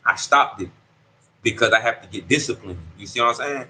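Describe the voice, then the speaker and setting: An incarcerated interviewee in his thirties talks briskly in a sharp, mid-range voice. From his prison dorm he tells an easygoing story in street slang, often checking with the listener: "you see what I'm saying." The low-quality recording carries slight background noise.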